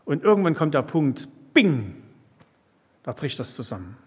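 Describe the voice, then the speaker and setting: Preacher in a reverberant church hall. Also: male voice, a little high, sing-song, brisk, darkish tone, husky. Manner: peppers speech with tag questions like "ja" and "ne". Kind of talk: conversational sermon. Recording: long reverb of a large hall.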